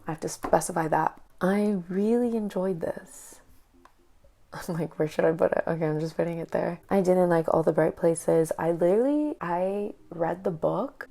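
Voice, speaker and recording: Young woman, casual vlog chat, warm mellow voice, vocal fry. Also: lowish voice. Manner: chatty, frequent "like", quick asides. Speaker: vlogger.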